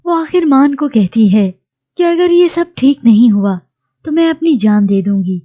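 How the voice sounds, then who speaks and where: A woman narrating a recap of a TV drama in a steady storytelling read. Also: sits high, measured pace, lo-fi sound.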